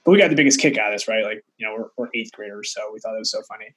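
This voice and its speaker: A man's voice: fairly low pitch, very fast, a bit bright, husky. A man in his thirties, an interview guest telling casual stories with asides and frequent checks on the listener. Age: 30s. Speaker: interview guest, tech entrepreneur.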